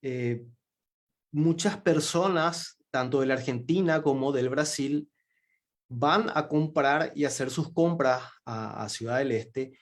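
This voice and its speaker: Slow, hesitant Paraguayan man. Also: mid-range voice. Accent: Paraguayan Spanish. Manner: hesitant, many fillers and restarts. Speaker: symposium speaker. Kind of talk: lecture talk.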